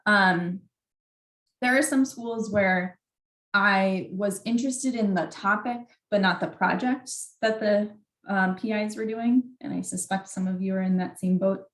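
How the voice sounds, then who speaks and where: Unhurried and fairly bright in tone, a woman's medium-pitched voice gives informal advice at a workshop. She's a young adult graduate student mentor who talks candidly and conversationally, frequently saying "like," in a roomy, echoey recording.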